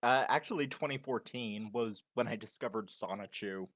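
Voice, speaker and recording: A man's voice: fairly low pitch, normal speed, fairly bright tone, no echo. A man chatting casually in a group conversation.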